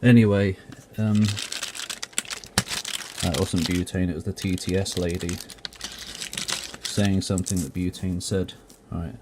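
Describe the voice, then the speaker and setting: A man's voice: deep voice, fairly even intonation, measured pace, long pauses, background noise. A man giving casual, rambling commentary as a video host, grumbling and poking fun at himself with mild swearing. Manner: self-mocking, grumbling, mildly sweary.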